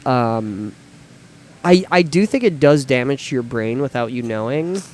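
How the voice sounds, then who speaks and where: A man's voice: mid-range voice, expressive, a little slow, darkish tone. A young man co-hosting a podcast in casual chat, joking and teasing his friend, laughing often. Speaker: podcast co-host.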